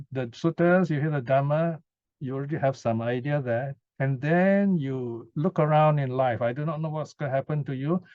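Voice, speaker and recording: Speaking in a slightly high voice, a man offers an informal Buddhist teaching and takes questions, conversationally checking in with short tag questions. The recording is dry and has a dull, lo-fi quality.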